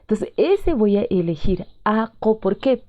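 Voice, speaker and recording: A woman's voice: mid-range voice, sing-song, unhurried, dry recording. A woman teaching a language class with a Peruvian Spanish accent. She explains patiently, repeats her points and keeps checking in with her students. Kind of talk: explaining a lesson step by step. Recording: dull lo-fi audio.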